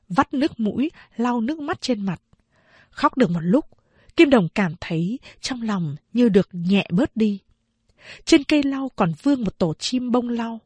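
Woman audiobook narrator, slow and measured, dry close sound. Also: mid-range voice, darkish tone, husky, no echo. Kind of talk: scripted narration of a novel.

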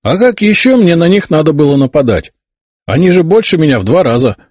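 A man's voice: on the high side, lively intonation, brisk, a little mellow, no echo, clean studio sound, voice pushed up. A man voicing a stubborn, fierce boy warrior who talks back defiantly. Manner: defiant, insistent.

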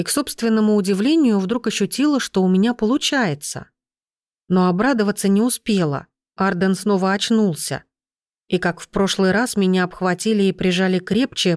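A woman reading a first-person audiobook in a steady, measured storytelling voice. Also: medium pitch, no room sound, studio quality. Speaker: audiobook narrator.

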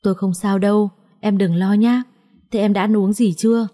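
A woman voicing a calm, teasing young husband who is ill, speaking gently and reassuringly. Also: mid-range voice, moderate pace, close to an everyday voice.

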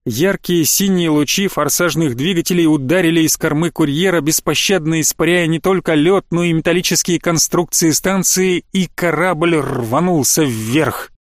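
A man narrating an audiobook in a steady, measured way. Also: a little high, dry recording, studio quality.

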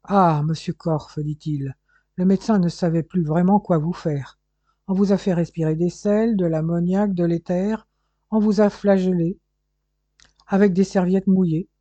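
A man reading a kindly station master who talks loudly and fusses in a storybook reading. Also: sits high, steady tone, a little slow, no room sound. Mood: fussing. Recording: dull lo-fi recording.

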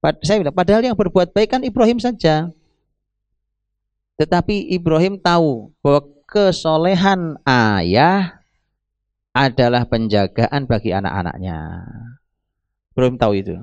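A middle-aged man preaching a sermon, animated and emphatic, often addressing his listeners directly. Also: a little high, measured pace, long pauses, clear, resonant tone, no echo. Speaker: Islamic preacher.

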